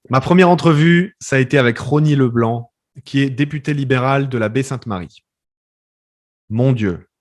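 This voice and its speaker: A young man from France with a French accent, a community radio journalist talking in a relaxed interview, full of fillers and restarts. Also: fairly high pitch. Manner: conversational, many fillers and restarts.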